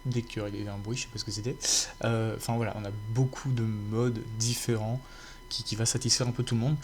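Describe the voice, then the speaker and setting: Homme au débit hésitant, faint hum. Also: male voice, on the low side, little pitch movement, a little fast, darkish tone. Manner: rambling, many fillers and restarts. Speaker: gaming YouTuber. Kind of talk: casual chat to viewers.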